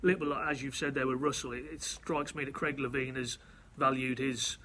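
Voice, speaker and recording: A man's voice: mid-range voice, steady tone, a little fast, pushed and bright, a little hiss or hum. A man working as a football correspondent, chatting analytically on a podcast and often stumbling over repeated words. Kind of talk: casual football podcast chat.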